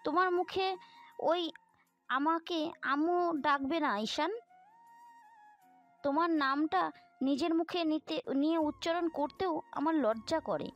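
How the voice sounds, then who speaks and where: A stern middle-aged mother with a high, tight voice, acted by a woman, clipped and cold with reproach. The recording sounds a little dull and lo-fi. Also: takes it slowly, pauses often, faint music behind. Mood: cold, reproachful. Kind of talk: romantic audio story acting.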